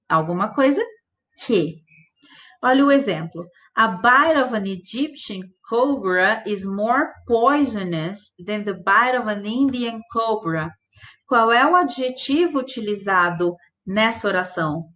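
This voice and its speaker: A woman teaching an English grammar lesson, explaining patiently step by step, checking that students follow and slowing down to spell out example words. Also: medium pitch, fairly bright tone. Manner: patient, step-by-step, checks understanding with "tudo bem?" and "certo?". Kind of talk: classroom-style grammar explanation.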